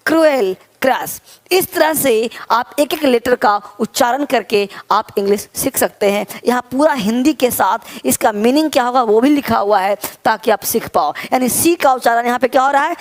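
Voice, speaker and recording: A woman teaching English pronunciation online, repeating each word and coaxing viewers to follow along. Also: sits high.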